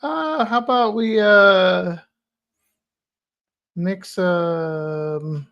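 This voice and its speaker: A man's voice: high-pitched, very slow, no echo, highs cut off. A man co-hosting a tech podcast, talking casually and hesitantly, searching for words. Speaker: podcast co-host.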